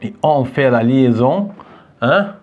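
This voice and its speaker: A man's voice: mid-range voice, lively intonation, slow pace, phone-quality sound. A man teaching a French lesson in a classroom, patiently repeating phrases for his students to echo back. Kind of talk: classroom lesson with call-and-response drilling.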